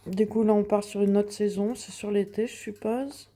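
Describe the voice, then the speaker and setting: In a casual show-and-tell vlog, a young woman holds up the coloring pages she has finished, speaking at normal speed in a steady, warm, medium-pitched voice. She's at home in front of a window, chatty yet hesitant, with many fillers and restarts.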